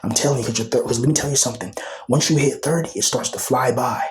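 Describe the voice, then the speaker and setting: This thirtysomething vlogger talks fast in a mid-range voice, rambling along with plenty of slang, filler words and repetition. At times his voice sinks to a whisper.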